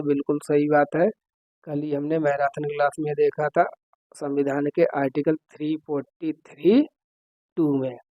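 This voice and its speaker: A man's voice: fairly high pitch, darkish tone, no room sound. A man teaching an exam-prep lesson, working through questions step by step and often checking in with his students. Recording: dry, slightly dull recording.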